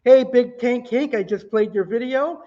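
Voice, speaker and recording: A man's voice: extremely high pitch, normal speed, dark tone. A man hosting a livestream in an upbeat, gushing, enthusiastic way. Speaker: live show host. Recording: slightly dull, lo-fi livestream audio.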